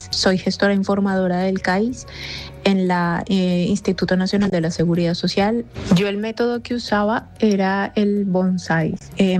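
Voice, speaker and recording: A woman's voice: medium pitch, a little mellow. A woman in her thirties from Colombia, giving a thoughtful testimonial with some hesitation. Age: 30s. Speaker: testimonial guest, civil servant.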